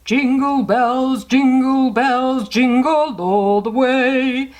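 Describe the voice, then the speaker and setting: A woman voicing a jolly, excitable Santa Claus in a loud, singsong, exuberant storybook manner. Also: sits high, very slow, voice pushed up. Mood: jolly singing.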